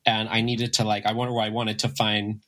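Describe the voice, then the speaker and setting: This drag performer, a guest in a casual interview chat, tells animated stories packed with "like" and quoted dialogue. His raspy voice sounds slightly under the weather, fairly low in pitch, at a moderate pace.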